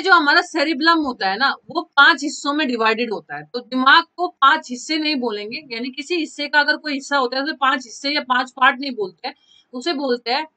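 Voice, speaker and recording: A woman's voice: high voice, bright, forceful tone, rough recording. A woman teacher giving a live online class, repeating key terms and calling on students by name. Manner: mixes Hindi and English terms, repeats key phrases; addresses students by name from chat.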